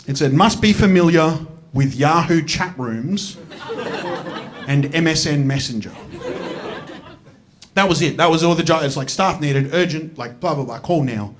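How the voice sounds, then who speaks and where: A man's voice: fairly high pitch, expressive, a little slow, long pauses, noisy background. A man in his thirties with an Australian accent, telling a rambling, self-deprecating stand-up story and swearing freely on stage. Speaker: stand-up comedian. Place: comedy stage before a live audience.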